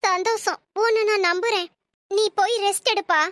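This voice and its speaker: A scheming cartoon mother, voiced by a woman, sounding very high and piercingly bright. She lectures and commands her son, then turns to pleading with put-on tears. The recording is completely dry and close. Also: fairly even intonation, moderate pace, no room sound. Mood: commanding. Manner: scolding, lecturing, fake tearful pleading. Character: stern scheming middle-aged mother, manipulative. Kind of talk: cartoon story voice acting.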